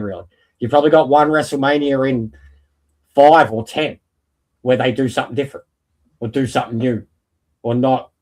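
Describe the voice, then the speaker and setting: A man in a casual, opinionated wrestling chat, talking in an emphatic, rambling, sweary way. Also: mid-range voice. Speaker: wrestling podcast panellist.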